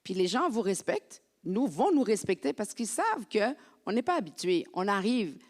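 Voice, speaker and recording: A woman from France preaching a lively, conversational sermon as a pastor in a church. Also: mid-range voice, normal speed. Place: church sanctuary. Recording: long hall reverb.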